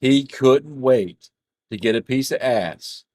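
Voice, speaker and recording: A man's voice: mid-range voice, slow pace, a little mellow, no room sound. A man casually telling a rambling, profane story while streaming a game. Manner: profane, rambling, laughs through his own anecdote. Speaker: gaming streamer.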